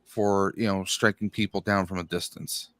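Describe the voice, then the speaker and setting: A man playing a tabletop game, talking in character as a customer, halting and rambling, with many fillers. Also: deep voice, flat delivery, a bit bright, no room sound, clean studio sound. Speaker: player. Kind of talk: in-character roleplay.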